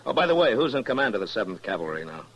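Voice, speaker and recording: Deep-voiced, stern Old West marshal. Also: male voice, big pitch swings, fairly bright tone, breathy edge, heavily acted. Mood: curious, measured. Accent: American. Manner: firm, plain-spoken, measured. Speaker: lead actor and narrator. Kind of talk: old-time radio western acting.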